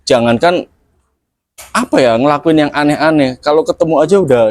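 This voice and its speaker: A man's voice: on the high side, a little fast, darkish tone, no room sound. Easygoing man in his thirties, dry sound. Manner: easygoing, reflective storytelling. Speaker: podcast guest. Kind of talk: casual podcast chat.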